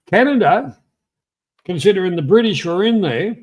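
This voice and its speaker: Crude teasing man, high voice. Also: animated, moderate pace, a little mellow. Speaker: show co-host. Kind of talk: casual chat.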